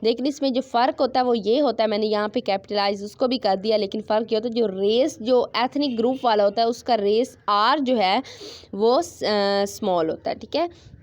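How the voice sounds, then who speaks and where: Young woman teaching a class, kinda high voice, reads definitions slow then explains fast, keeps saying theek hai. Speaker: lecturer. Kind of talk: recorded lecture.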